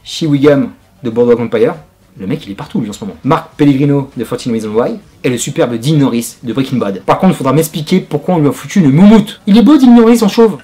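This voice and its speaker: A man reviewing a film in casual, energetic slang, talking straight to his viewer as host of his channel. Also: mid-range voice, quick pace.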